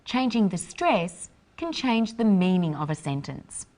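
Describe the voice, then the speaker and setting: A woman hosting an English lesson, explaining phrases in a clear, deliberate teaching voice. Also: fairly low pitch, sing-song, darkish tone. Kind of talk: scripted lesson narration.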